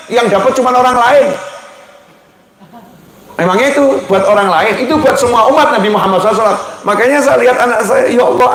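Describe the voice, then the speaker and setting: A man preaching in a loose, joking way, with a slightly high voice. He talks chattily to his audience and drops in phrases. The sound rings with room echo. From Indonesia. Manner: chatty, playful, mixes in Javanese phrases. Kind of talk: relaxed sermon with jokes.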